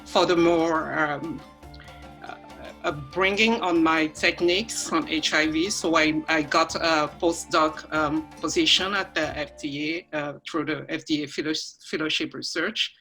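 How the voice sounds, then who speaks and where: A woman's voice: low-pitched, steady tone, unhurried, fairly bright tone, soft background music. A woman from Cameroon, a research scientist, introducing herself on an online panel, with many fillers and restarts.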